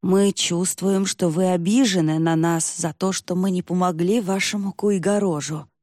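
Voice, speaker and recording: A tired old villager grumbles and gives terse, firm warnings, as a woman reader acts him out. The voice is husky and dry, recorded close. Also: lowish voice, steady tone, normal speed, a little mellow, no echo, natural voice. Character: older village man, grumbling and weary.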